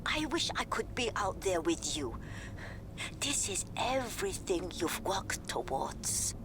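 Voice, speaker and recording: A woman voicing a doting mother of a young racing driver, speaking in a soft, fussy, affectionate way with a British accent. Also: fairly low pitch, sing-song, slow, exaggerated voice. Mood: fond. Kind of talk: video game cutscene dialogue. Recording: game audio with clear background noise.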